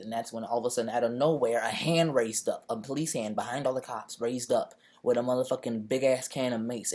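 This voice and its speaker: A young man vents on his vlog about what he saw at a protest. His telling is emphatic and profane, with repeated phrases, and he mimics the people in the scene. His voice sits at an ordinary pitch for a man. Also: a little mellow. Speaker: vlogger. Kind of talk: raw personal retelling of a protest.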